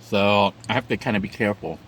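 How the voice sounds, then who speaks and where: Low-voiced man chatting through a meal. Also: a bit bright, slight background noise, rough recording. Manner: unhurried, chatty, describing food in detail. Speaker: vlogger. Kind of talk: mukbang eating commentary. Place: inside a parked van.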